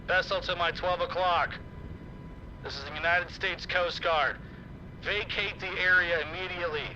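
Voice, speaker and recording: A stern Coast Guard radio operator , played by a man, barks firm, clipped orders over a marine radio link. The voice sits high for a man and comes through very bright and edgy. The sound is muffled and narrow, with a faint hiss behind it. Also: steady tone, moderate pace. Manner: firm, clipped official commands. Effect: marine radio transmission.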